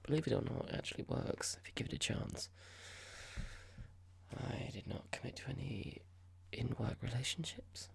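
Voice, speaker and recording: A performer whispers as a nasty, condescending young corporate boss for an ASMR roleplay, delivering lines with measured, pompous formality. The exaggerated voice sits at medium pitch, breathy and gravelly with audible clicks.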